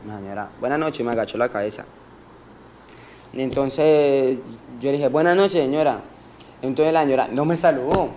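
A man's voice: mid-range voice, normal speed, mellow. A Colombian man in his early twenties being interviewed, telling a rambling street story full of slang and sound effects. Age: early 20s. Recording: noisy background.

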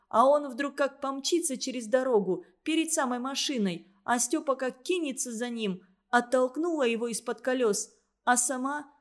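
A woman voicing a young schoolgirl who speaks rapidly and insistently, near tears, in a read-aloud story. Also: high voice. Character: tearful, urgent young schoolgirl witness.

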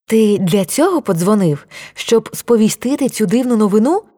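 A woman's voice: medium pitch, lively intonation, normal speed, warm tone, voice pushed up, lightly acted. A woman voicing an impatient young woman who answers in a brusque, mocking way.

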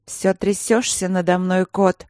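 An audiobook reader voicing a sharp-tongued young woman sorceress. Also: medium pitch, level tone, measured pace, dry recording, studio quality, close to an everyday voice.

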